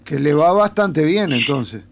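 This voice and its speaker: A man hosting a radio interview, asking measured questions and giving short acknowledgments. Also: fairly high pitch, expressive. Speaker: radio host.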